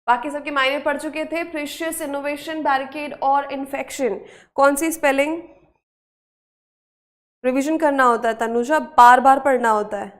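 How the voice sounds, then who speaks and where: A woman with an Indian accent teaching English spelling in a live online class, brisk and encouraging, urging students to answer quickly. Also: high-pitched, fairly even intonation.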